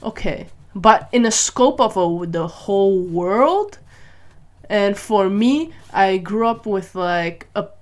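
Taking it slowly, a woman from Malaysia vlogs her opinions in a casual monologue, her medium-pitched voice animated. She muses aloud, asks herself questions, and keeps checking in with "right?" and "you know?".

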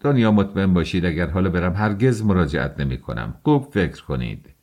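A man voicing a haughty middle-aged suitor who speaks in a stiff, contemptuous, measured way, in an audiobook. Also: low voice, lively intonation, darkish tone. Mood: cold.

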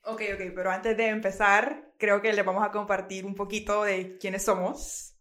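A young Honduran woman co-hosting a podcast, animated and quick to laugh. Her voice carries a noticeable room echo around it. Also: mid-range voice. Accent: Honduran Spanish. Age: young adult. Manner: animated, laughs readily, uses vos. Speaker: podcast co-host. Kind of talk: casual chat.

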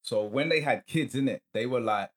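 A man in casual podcast chat, relaxed and explaining step by step. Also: medium pitch, moderate pace.

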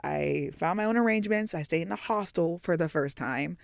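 A woman's voice: on the low side, fairly quick, gravelly, no room sound, studio quality. A young woman hosting a casual solo podcast, chatty and playful, talking to her listeners from inside a small apartment closet. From United States. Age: young adult. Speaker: podcast host.

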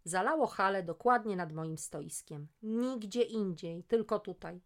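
A woman reading a story aloud in a lively, expressive way as a storyteller. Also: mid-range voice, measured pace.

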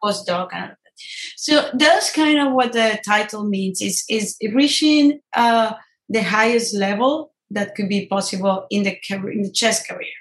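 Colombian woman, 30s, Spanish native, interview guest; quick and earnest, echoey room. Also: mid-range voice. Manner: quick, earnest, with frequent restarts. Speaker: guest, chess grandmaster. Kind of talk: casual interview talk. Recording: roomy echo.

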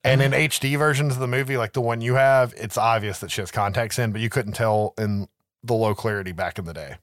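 A man's voice: mid-range voice, brisk, a bit bright, no echo. A man recaps a film in loose, profane podcast chatter. He often checks in with a tossed-off "right?" as he goes. His voice sits close on a dry mic with no room sound. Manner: laid-back, swears, keeps adding "right?". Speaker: podcast host. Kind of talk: casual movie recap chat.

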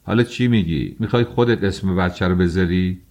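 A man's voice: low-pitched, a little mellow. A man voicing a brusque irritable husband. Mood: irritated. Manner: brusque, scolding. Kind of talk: audiobook character reading.

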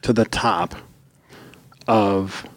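A man's voice: fairly low pitch, extremely slow, no echo. Exasperated man ranting in a story. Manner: swearing, exasperated, animated storytelling. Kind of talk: casual storytelling rant.

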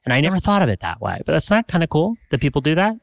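A man's voice: very fast, creaky, dry recording. Playful male podcast co-host. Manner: playful, animated sales pitch with pet names. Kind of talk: casual podcast chat with ad read.

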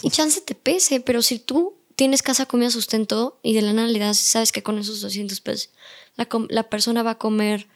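A talkative Mexican woman as a podcast guest, her voice sitting a little high. She chats freely and drops into little impressions of the people in her stories. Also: normal speed. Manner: chatty, acts out quoted voices. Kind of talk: casual podcast chat.

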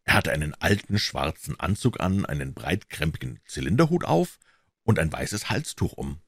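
A man narrating a classic detective story in an expressive, storytelling manner. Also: rumbling low, moderate pace, slightly rough, dry recording, clean studio sound. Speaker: audiobook narrator. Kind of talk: scripted audiobook narration.

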